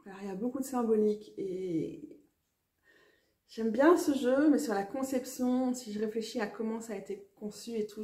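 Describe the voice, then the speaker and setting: A woman's voice: medium pitch, dark tone, reverberant. A woman with a French accent, chatting casually to camera about tarot, self-mocking and often laughing. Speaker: tarot vlogger. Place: outdoors near a garden with birds.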